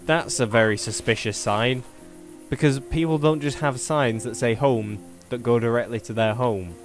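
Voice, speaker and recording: A man's voice: mid-range voice, normal speed, faint music behind. A man giving chatty, jokey let's-play commentary as he plays a spooky game, talking to himself. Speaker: gaming youtuber.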